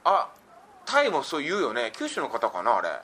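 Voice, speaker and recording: A man hosting a relaxed radio talk show, reading listener messages aloud and laughing often. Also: medium pitch, normal speed, slight background noise. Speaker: radio personality. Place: radio studio.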